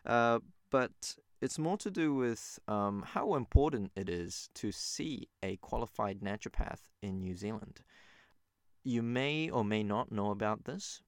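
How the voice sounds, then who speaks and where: A man's voice: lowish voice, gravelly, no echo, clean studio sound. A man born in Japan and raised abroad, hosting a solo podcast in an earnest, loose way with frequent fillers. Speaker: podcast host.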